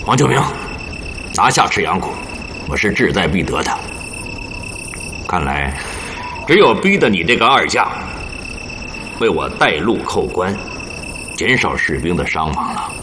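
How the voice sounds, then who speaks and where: An actor playing a commanding army officer in a TV drama, shrewd, measured and decisive as he interrogates. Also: low voice, big pitch swings, noisy background, exaggerated voice. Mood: stern, determined. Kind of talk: television drama acting.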